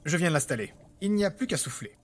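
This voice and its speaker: Man acting little kobold assistant, raised pitch, fast delivery, polite, helpful, fantasy audio drama. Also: sing-song.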